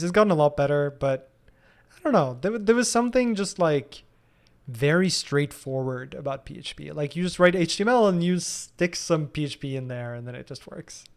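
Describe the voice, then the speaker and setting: A man in his thirties answering viewer questions casually in a live stream, thinking aloud with frequent ums and restarts. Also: on the high side. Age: 30s.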